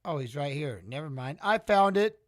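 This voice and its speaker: Excitable man calling a fight live. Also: fairly high pitch, normal speed. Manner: excitable, chatty, talks to viewers and chat. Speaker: watch-along host and fight commentator. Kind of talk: casual live fight commentary.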